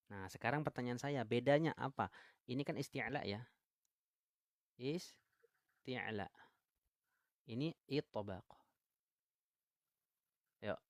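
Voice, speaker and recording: A man's voice: mid-range voice, no echo. A man with an Indonesian accent teaching Quran recitation rules on a live stream. He asks viewers questions and reads out their comments. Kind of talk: live-stream tajwid lesson. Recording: live stream, dry close mic.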